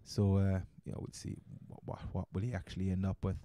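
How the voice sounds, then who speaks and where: Cork-accented Irish man with a mellow voice. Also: low-pitched, completely flat delivery, fairly quick, no room sound. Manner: rambling, repeats his words. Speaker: podcast host. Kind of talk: casual chat, fantasy football commentary.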